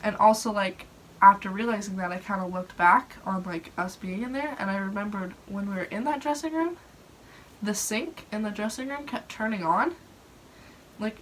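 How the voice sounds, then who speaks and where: A woman's voice: medium pitch, normal speed, a bit bright, poor audio. A young adult woman casually telling personal stories in a chatty, rambling way, saying "like" often. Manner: chatty, rambling, heavy use of "like". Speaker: storyteller host. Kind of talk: casual storytelling about personal experiences. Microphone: phone propped on a dresser. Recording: clear background noise.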